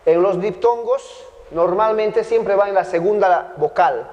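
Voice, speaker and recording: A man's voice: high voice, a little slow, darkish tone, long reverb tail, muffled recording. A man with a Bolivian Spanish accent teaching a biblical Greek grammar class, patiently repeating points and checking that students follow.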